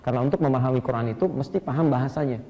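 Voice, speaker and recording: A male Islamic preacher giving a lively lecture sermon, quizzing his listeners and chanting Arabic verse meters to make his points. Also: mid-range voice, very fast, dull audio. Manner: asks audience rhetorical questions.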